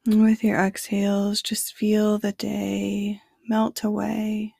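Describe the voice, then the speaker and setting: A woman narrating a guided sleep meditation in a hushed, soothing bedtime manner that at times nears a whisper. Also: medium pitch, completely flat delivery, slow, vocal fry, breathy edge, no room sound, studio quality. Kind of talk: sleep meditation narration, slow body scan.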